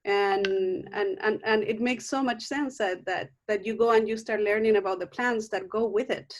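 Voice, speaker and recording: A middle-aged woman from Chile, native in Spanish and speaking with a Chilean accent, appears as an herbalist guest in a casual video call interview. Her medium-pitched voice keeps a moderate pace against slight background noise, and her warm, earnest speech is dotted with fillers and restarted sentences.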